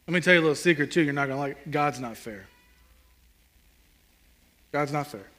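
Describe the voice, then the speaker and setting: A man preaching a sermon. His voice is high and bright, and his delivery is conversational and animated. He drops to near-hushed lines for emphasis. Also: a little fast. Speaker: pastor. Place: church hall with congregation.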